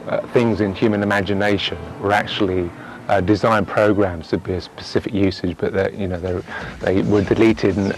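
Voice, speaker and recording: A man explaining things haltingly in an interview, on audio re-recorded from TV. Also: low-pitched, background noise. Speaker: interviewee on film. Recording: taped TV audio, music behind.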